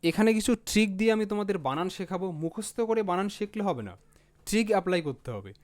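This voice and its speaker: A man's voice: sits high, expressive, quick pace. A man teaching English spelling patterns, patiently spelling out letters and repeating each word. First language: Bengali. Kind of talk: spelling lesson.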